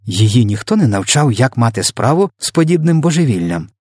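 Male audiobook narrator, measured, husky voice, dry close sound. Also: mid-range voice, big pitch swings, a little mellow, dry recording.

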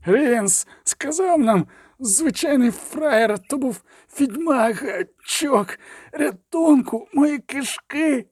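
A man voicing a wounded hired killer, crying out slowly in strained gasps, pitched well above his own voice in an audiobook. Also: expressive, a little mellow, husky, no echo, studio quality, full character voice. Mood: agonized. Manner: slow, strained, gasping cries. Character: dying young male hired killer, wounded.

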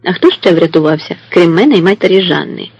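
Guy doing a young woman in a storybook, soft and eager with questions, high and husky. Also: expressive, fast, dull audio, exaggerated voice. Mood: questioning.

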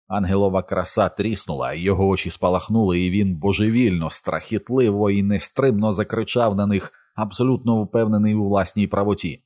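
A man narrating an audiobook in an even, unhurried storytelling manner. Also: lowish voice.

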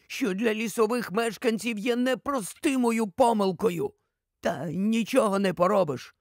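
A learned old scholar explains things calmly and at a measured pace, as a man voices him. The voice is high-pitched with a slight rasp, recorded dry and close. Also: no room sound, full character voice. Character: learned old male scholar, calm and careful.

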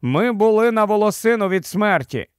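A man reading the part of a sensible, quick-thinking boy in a storybook, speaking earnestly. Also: high-pitched, lively intonation, smooth, no echo, clean studio sound, pitched above the performer's own voice.

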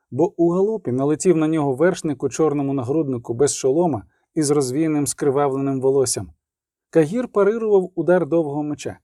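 A man narrating a fantasy battle audiobook in a steady, measured storytelling voice. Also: fairly high pitch, dry recording, studio quality.

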